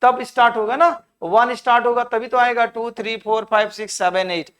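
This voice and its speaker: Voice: medium pitch, steady tone, a little fast, a bit bright. Classroom teacher. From Jharkhand. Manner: counts aloud and keeps prompting students to answer. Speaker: reasoning teacher at a coaching class. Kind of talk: live classroom lecture.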